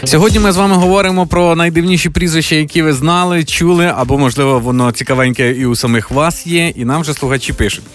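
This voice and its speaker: A young adult man co-hosting a radio morning show, telling stories in a lively, casual way. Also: fairly high pitch, quick pace, hardly any pauses, soft background music. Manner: lively storyteller, laughs easily.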